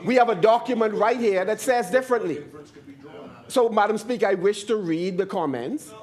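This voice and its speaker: A man with a Bahamian accent arguing as a member of parliament, persistent and halting in his delivery. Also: high voice, a little mellow. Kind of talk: parliamentary debate. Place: parliament chamber.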